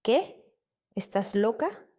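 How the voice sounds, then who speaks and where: A woman reading the lines of a stern, furious father who shouts and dominates. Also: mid-range voice, measured pace, close to an everyday voice. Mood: demanding.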